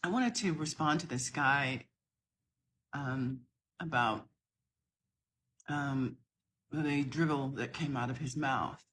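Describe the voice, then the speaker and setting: A woman's voice: extremely low pitch, slow pace, long pauses, a bit bright, a little hiss or hum. A middle-aged woman from the southern United States, talking to camera in an impassioned, emphatic rebuttal to another video. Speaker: social media creator.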